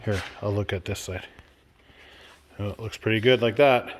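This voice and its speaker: A cheerful male vlogger with a stuffed-up nose narrates a casual build vlog indoors in a workshop house under renovation, the roomy space giving a long echo. Upbeat and chatty, he laughs often; his lowish voice is fairly even at a moderate pace, with a little hiss or hum.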